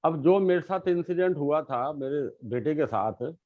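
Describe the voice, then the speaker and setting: A middle-aged man, a guest sharing his life story in casual conversation, reflective and earnest, often pausing and restarting. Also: fairly high pitch, expressive, no echo. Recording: dull lo-fi sound.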